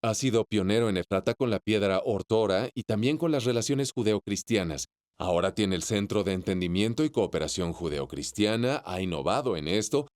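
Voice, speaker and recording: A man's voice: fairly low pitch, lively intonation, fairly quick, a little mellow. A man hosting a television show, introducing guests and segments with enthusiastic presenting. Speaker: host.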